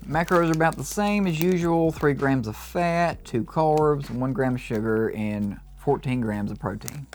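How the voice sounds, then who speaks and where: A man giving an enthusiastic, casual review of low-carb snacks, reacting as he tastes them. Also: slight background noise. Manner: upbeat, enthusiastic tasting reactions. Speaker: food reviewer. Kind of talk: casual product review vlog.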